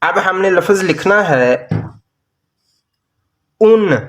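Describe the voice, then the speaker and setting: A man, teaching a lesson and drawing out each sound as he spells words out slowly. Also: high voice, lively intonation, fairly bright tone, slight background noise. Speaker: language teacher. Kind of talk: slow explanatory lesson.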